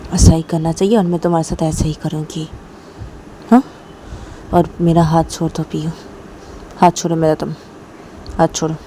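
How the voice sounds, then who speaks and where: A woman's voice: sits low, warm tone, slight background noise, lightly acted, low-quality recording. A woman voicing a hurt young woman who curtly demands her hand be let go and says she is leaving. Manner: curt, repeats demands to let go. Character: hurt, angry young woman wanting to leave.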